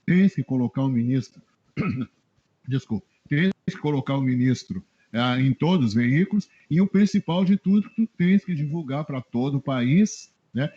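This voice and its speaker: A middle-aged man from southern Brazil, a journalist guest telling animated anecdotes in a casual interview and chuckling often. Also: mid-range voice, normal speed, breathy edge. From Rio Grande do Sul, Brazil. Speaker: journalist guest, press adviser. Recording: dull lo-fi web radio audio.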